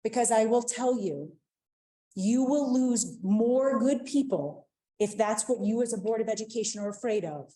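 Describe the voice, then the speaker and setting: A woman's voice: fairly high pitch, moderate pace, mellow. A woman giving an earnest, pleading public comment at a school board meeting, repeating her appeals. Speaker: public commenter, district administrator and parent.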